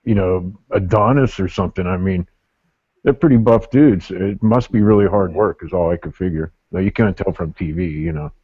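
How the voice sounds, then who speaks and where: A man's voice: sits low, moderate pace, breathy edge, lo-fi sound. A middle-aged man chatting casually and telling anecdotes in a group. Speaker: motovlogger in a group hangout.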